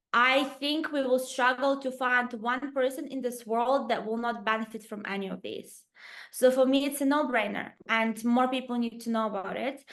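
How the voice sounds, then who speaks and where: A woman in her thirties from Portugal, a podcast guest telling her story in a reflective way, with fillers and restarts. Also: fairly high pitch. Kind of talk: casual interview storytelling.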